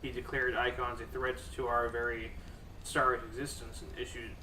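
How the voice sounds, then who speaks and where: Fantasy game military officer, played by a man: grave, stiffly formal, forceful, recorded roomy and off-mic. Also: mid-range voice, level tone, normal speed, slight background noise, natural voice. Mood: formal, measured. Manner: stiff, formal, old-fashioned diction. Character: formal, grave male imperial military officer reporting under fire. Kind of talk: reading fantasy game dialogue aloud in character. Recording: roomy, distant mic over game music.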